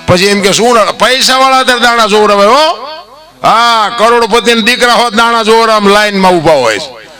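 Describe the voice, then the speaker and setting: A man with a Kathiawadi Gujarati accent delivers a fervent folk storytelling talk, his voice high for a man and bright and forceful. He swings from steady telling into loud, lifted outbursts as he preaches to the crowd. Soft instrumental music plays faintly behind him. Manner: impassioned preaching, swells into loud high outbursts, often calls listeners "bapu". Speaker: folk storyteller and literary speaker.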